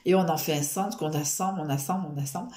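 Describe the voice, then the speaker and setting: A woman's voice: low voice, fast, warm tone, reverberant. A woman chatting casually to camera in a rambling, self-mocking way, full of fillers and restarts. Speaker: vlogger.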